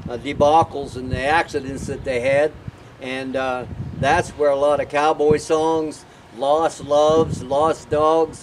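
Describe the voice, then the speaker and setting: Folksy man, distant and noisy recording. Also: mid-range voice. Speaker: cowboy storyteller and event organizer. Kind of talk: folksy informal storytelling. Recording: distant mic, outdoor wind and traffic noise.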